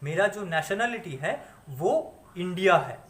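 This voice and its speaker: A man from India teaching Japanese phrases in a spoken lesson, with a slow, careful delivery of model phrases between quicker explanations. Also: high-pitched, animated, a bit bright, roomy sound. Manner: fillers and restarts while explaining.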